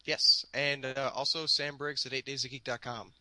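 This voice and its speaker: A man's voice: medium pitch, flat delivery, moderate pace, sharp tone. A man co-hosting a tech podcast, chatting casually and giving short, dry replies. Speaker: podcast co-host.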